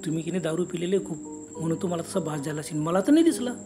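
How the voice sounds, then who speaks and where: A stingy, easygoing uncle brushing things off calmly in a spoken ghost story, as the narrator puts him on. High voice over clear background music. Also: male voice, racing. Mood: dismissive. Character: stingy, mild-mannered uncle, adult man.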